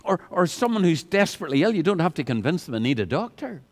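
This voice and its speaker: A man preaching an evangelistic sermon, often repeating words as he starts a phrase and rising to loud peaks. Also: a little high, big pitch swings, fast talker.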